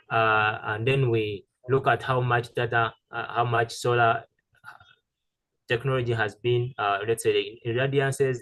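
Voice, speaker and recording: A man giving a halting technical presentation over a video call, with many fillers and restarts. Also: medium pitch, a bit bright, poor audio. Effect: heard over a video call. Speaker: presenter pitching a solar tool.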